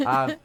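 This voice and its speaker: This drag performer has a fairly high, bright voice with vocal fry and a forceful tone. Telling stories in a casual interview, he sounds flamboyant and theatrical, sweeping his voice in big swoops.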